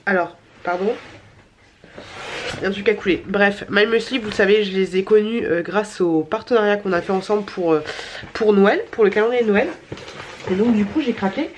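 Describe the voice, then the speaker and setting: A woman's voice: mid-range voice, moderate pace, a little hiss or hum. A tired woman vlogger with a stuffy, nasal voice, chatting casually through a shopping haul with many fillers and repeated words.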